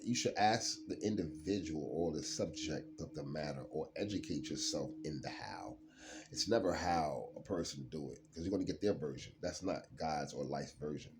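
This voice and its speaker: Lively low-voiced man rambling over cards. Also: a little hiss or hum. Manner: rambling, laughs often, drawls. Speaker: card reader. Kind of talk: late-night solo card reading.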